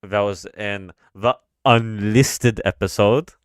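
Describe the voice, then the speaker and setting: Smooth low-voiced young Australian man. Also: fairly even intonation, slow pace, dry recording, studio quality. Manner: hesitant, many fillers, low-key and mumbling. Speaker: podcast co-host. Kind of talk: casual late-night chat.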